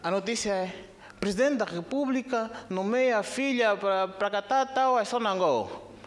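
A young man with an Angolan Portuguese accent performing a stand-up comedy set on a theater stage, speaking into a handheld microphone. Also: normal speed. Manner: animated, jumps into high squeaky put-on voices. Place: theater stage with live audience.

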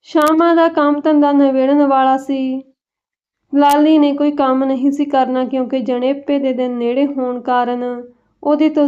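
A woman narrates a family tale from village life, reading steadily and with feeling. Her voice sits high. The recording is dull and lo-fi. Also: clean tone. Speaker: storyteller. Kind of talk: storybook narration.

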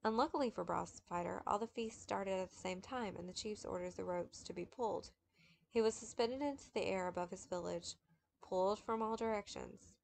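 A woman reading a memoir aloud in a steady, measured manner, with occasional slips. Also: medium pitch, vocal fry, slight background noise. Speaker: audiobook reader.

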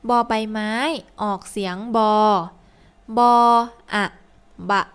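A woman slowly reading a children's story and then drilling letters and vowels aloud, word by word, as a teacher. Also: a bit bright. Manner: slow, deliberate, word-by-word reading. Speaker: teacher reading a first-grade Thai textbook.

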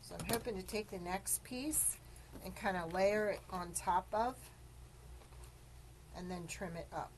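A woman's voice: mid-range voice, a little slow, long pauses, slight background noise, rough recording. A woman hosting a live craft tutorial, explaining each step in a chatty way, greeting viewers and coughing now and then. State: coughing after choking. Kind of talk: live-streamed craft demonstration.

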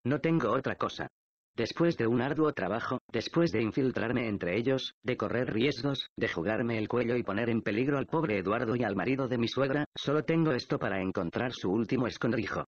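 A man's voice: medium pitch, animated, fairly quick, no room sound, lightly acted. A man reading the lines of a thoughtful male detective who reasons aloud, in a dull, dry audiobook recording. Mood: weary.

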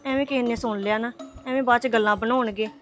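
A woman's voice: a little high, steady tone, fast talker, soft background music, close to an everyday voice. A woman plays a young wife who soothes and placates her upset relatives. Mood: placating. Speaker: daughter-in-law. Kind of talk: family web series acting.

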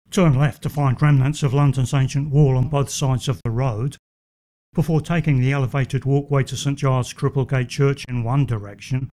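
A man giving scripted walking-tour narration, measured with a dry wit. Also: mid-range voice, dark tone.

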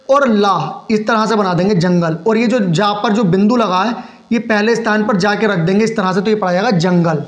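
High-voiced man teaching in an echoey room. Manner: patient, explains stroke by stroke, asks then answers his own questions. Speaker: shorthand teacher. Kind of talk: step-by-step tutorial explanation.

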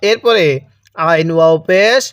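Slow, high-voiced male Quran teacher. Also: no room sound. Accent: Bangladeshi Bengali. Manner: drills syllables, repeating each one for the learner. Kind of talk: slow recitation lesson.

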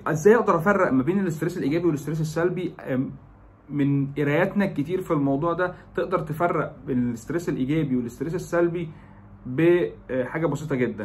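A man's voice: on the high side, slight background noise. A young man with an Egyptian Arabic accent, giving an educational talk as presenter, explaining with many English terms and frequent "aah" fillers.

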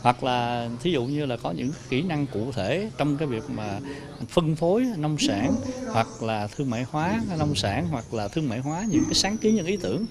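A middle-aged man, answering interview questions plainly with halting fillers, outdoors on a handheld mic. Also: mid-range voice, lively intonation, a loud crowd. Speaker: agricultural zone official. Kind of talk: news interview. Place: outdoors in a park. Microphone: handheld reporter mic. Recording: outdoor insects and birds behind.

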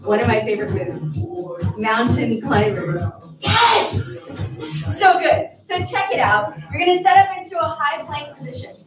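A high-voiced woman leads an exercise class, spacing out her short counts and cues with upbeat encouragement. Her punchy commands are unhurried in pace and carry across an echoey studio. Clear workout music plays behind her. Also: big pitch swings, far from the mic. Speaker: group fitness instructor. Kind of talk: energetic workout coaching, calling counts and cues. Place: indoor fitness studio with wooden floor.

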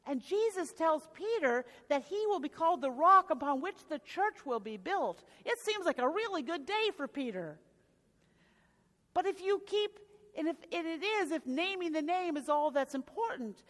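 A woman's voice: extremely high pitch, expressive, normal speed, fairly bright tone. A woman pastor preaching a sermon, telling a gospel story with a few restarts along the way. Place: church sanctuary. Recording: reverberant church sanctuary.

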